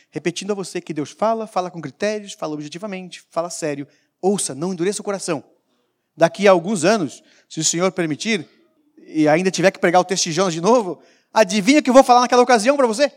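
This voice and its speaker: A man preaching a sermon as pastor, emphatic, with sudden loud peaks and quiet asides. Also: high-pitched, fast.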